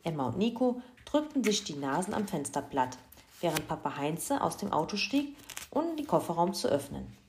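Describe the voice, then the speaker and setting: A woman reading a children's story aloud in a lively, expressive way. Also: fairly low pitch, moderate pace, a little hiss or hum.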